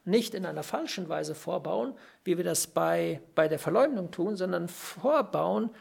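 A preacher giving an earnest sermon, stressing key phrases through repetition and pausing now and then to search for words. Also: medium pitch, lively intonation, gravelly, slightly rough. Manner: pauses to search for words with fillers. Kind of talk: sermon on a Bible passage.

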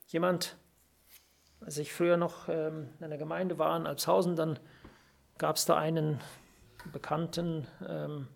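A preacher giving an earnest sermon, stressing key phrases through repetition and pausing now and then to search for words. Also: medium pitch, little pitch movement, vocal fry. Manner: pauses to search for words with fillers. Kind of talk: sermon on a Bible passage.

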